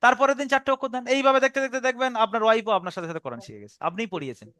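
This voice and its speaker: A man's voice: extremely high pitch, big pitch swings, racing, sharp tone. A man teaching a Quran reading class over an online call, drilling pronunciation by repeating words.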